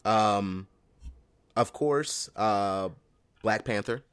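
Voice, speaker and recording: A man hosting a casual podcast chat, excitable and quick to laugh, with lots of ums. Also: lowish voice, clean tone, no room sound. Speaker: podcast host.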